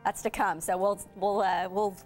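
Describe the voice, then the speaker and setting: A woman's voice: mid-range voice, flat delivery, moderate pace, faint music behind. A woman hosting a local TV segment, interviewing a guest with bubbly, enthusiastic reactions. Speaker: TV news host.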